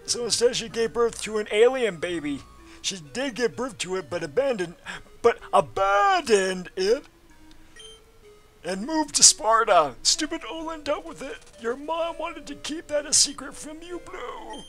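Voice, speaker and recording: A very high, quavering old professor with dentures. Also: male voice, lively intonation, measured pace, fairly bright tone, soft background music, heavily acted, rough recording. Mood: storytelling. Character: rambling elderly male professor with dentures. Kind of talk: game character voicing.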